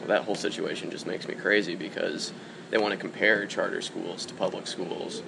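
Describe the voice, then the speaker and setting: A man's voice: low-pitched, fairly even intonation, moderate pace, gravelly, noisy background. A man with an American accent chatting casually as a radio interview guest. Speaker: radio guest, newspaper editor.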